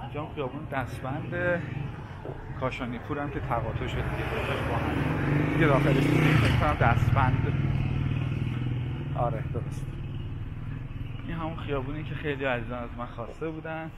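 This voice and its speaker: A man talks casually as he walks city streets, his voice mid-pitched. Clear traffic noise runs behind him outdoors. He points things out and reads off prices in a relaxed, chatty way. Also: pauses often. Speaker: walking tour vlogger. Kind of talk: casual walking-tour narration.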